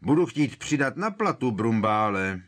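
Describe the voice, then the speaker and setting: A man putting on a fussy, vain old wizard professor, flustered and grumbling, with a deep, low voice underneath that keeps lifting into higher, fretful protests. The storybook figure hedges and mutters, reluctant at every turn. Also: animated. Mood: grudging.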